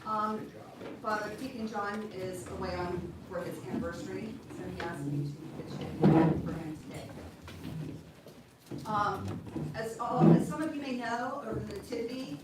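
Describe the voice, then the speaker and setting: A woman's voice: medium pitch, normal speed. Woman introducing a talk, distant and echoey. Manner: hesitant, informal, many ums and restarts. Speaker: committee member introducing speaker. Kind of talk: event introduction. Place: church hall. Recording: echoey room from far off with loud noise.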